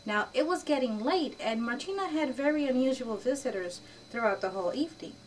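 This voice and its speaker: A woman telling a children's story aloud, lively and animated, playing each character. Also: high-pitched, fairly quick. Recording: distant mic with faint background noise.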